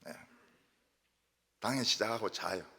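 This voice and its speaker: A male pastor from Daegu, preaching a sermon as lively storytelling, with sudden loud jumps and quiet asides. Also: lowish voice, a little slow, gravelly, slightly rough. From Daegu, South Korea. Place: church sanctuary. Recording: church hall reverb.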